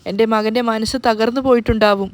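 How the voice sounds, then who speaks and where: A woman's voice: a little high, fairly even intonation, quick pace, close to an everyday voice. A woman voicing a grieving middle-aged mother, tearful and pleading, in a serial recap.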